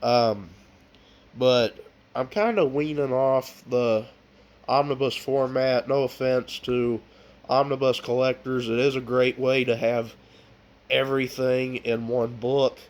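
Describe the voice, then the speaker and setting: In this vlog, an American man with a stuffy nose from a cold casually shows off his books. He speaks at a medium pitch with a flat delivery. The pace is slow and unhurried, full of ums and uhs.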